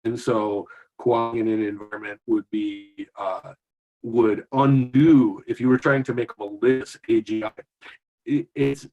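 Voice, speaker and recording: A man speaking as a guest over a video call whose audio cuts in and out, so his volume keeps rising and dipping, and he talks haltingly with many restarts. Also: medium pitch, steady tone, lo-fi sound. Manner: halting, full of restarts and fillers. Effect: choppy call audio with uneven, dipping volume. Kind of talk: remote panel discussion.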